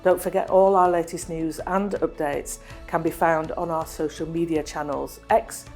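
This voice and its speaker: Presenter, female, lowish voice, reads a scripted round-up with upbeat clarity. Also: fairly even intonation, normal speed, a little mellow, soft background music. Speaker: hospital trust presenter. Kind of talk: scripted news round-up narration.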